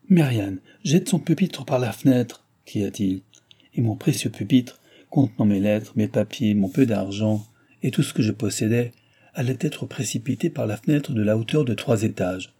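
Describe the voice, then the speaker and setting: Dark, husky male audiobook narrator. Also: lowish voice. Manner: measured, literary, steady. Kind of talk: audiobook reading of a classic novel.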